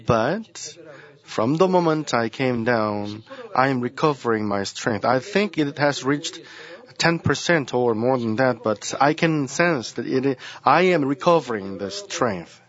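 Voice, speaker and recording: A man delivers a sermon as senior pastor, unhurried and earnest. He circles back to repeat his key phrases. The recording is dull and lo-fi. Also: medium pitch, lively intonation, fairly bright tone.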